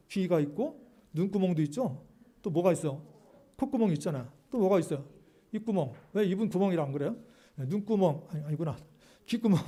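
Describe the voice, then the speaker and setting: Animated, fast-talking male pastor preaching. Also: high-pitched. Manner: animated, addresses congregation directly, frequent rhetorical questions. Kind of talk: sermon.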